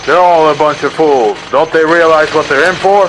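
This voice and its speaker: Man voicing a scornful overseer in deep reverb. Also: moderate pace, lightly acted. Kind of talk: English anime dub. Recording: long reverb, faint machinery noise.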